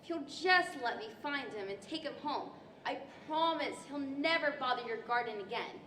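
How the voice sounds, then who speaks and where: A woman's voice: high voice, animated, moderate pace, fairly bright tone. A young woman playing Alice, a polite, curious, eager storybook girl, in earnest, old-fashioned radio-play style. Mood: pleading. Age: young adult. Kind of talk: 1940s radio-style stage acting. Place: library event room, indoors, live stage. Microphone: stand microphone. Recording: roomy hall with faint noise.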